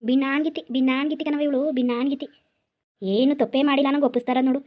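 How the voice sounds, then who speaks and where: A woman's voice: high voice, steady tone, very fast, a little mellow, lightly acted. A woman voicing an indignant village woman in a cartoon, arguing and name-calling. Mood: mocking. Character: scolding village woman defending her road use. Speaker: cartoon character. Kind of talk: cartoon voice acting.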